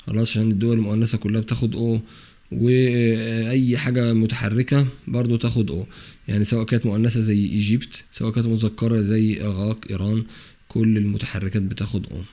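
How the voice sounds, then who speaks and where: A man with an Egyptian Arabic accent teaches French grammar at a rapid clip. His voice sits low and mellow, and he keeps firing quick questions at the student as he restates each rule. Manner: brisk, repeats rules and quizzes the student with quick questions. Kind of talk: exam-prep grammar lesson.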